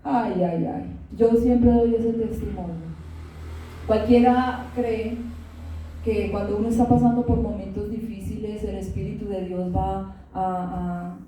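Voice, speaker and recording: A woman's voice: mid-range voice, steady tone, unhurried, mellow, far from the mic, slight background noise. A woman pastor preaching a sermon, giving testimony and asking the congregation questions. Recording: very echoey room, voice from afar.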